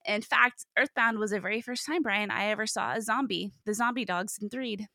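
A woman chatting casually and excitedly as a podcast guest, telling stories in a gravelly voice while congested with a cold. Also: medium pitch, brisk, no echo, clean studio sound. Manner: animated, exclamatory. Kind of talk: casual chat, storytelling.

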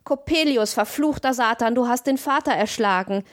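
A woman's voice: fairly high pitch, fairly even intonation, moderate pace, vocal fry, mellow, no echo, clean studio sound. A woman voicing a frightened young boy. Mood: terrified.

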